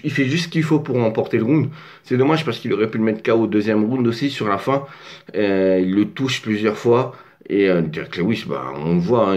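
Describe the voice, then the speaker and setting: A man's voice: fairly low pitch, a little mellow. A man from France casually breaking down a fight on his own at home, rambling with lots of fillers and restarts. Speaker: MMA fight commentator. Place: home desk.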